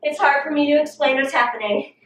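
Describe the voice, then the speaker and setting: A woman's voice: high voice, fairly quick, fairly bright tone, a little hiss or hum. Breathless woman coaching a workout. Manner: coaching, encouraging, breathy exclamations between cues. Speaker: fitness instructor. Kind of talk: workout video instruction. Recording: roomy echo, distant mic.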